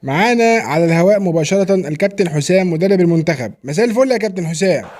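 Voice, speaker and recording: A man's voice: high voice, expressive, very fast, darkish tone. A man with an Egyptian Arabic accent playing an exasperated TV sports presenter who keeps pressing his guests with nagging questions. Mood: insistent. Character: exasperated male TV sports presenter, repeats complaints. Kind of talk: comedy sketch acting.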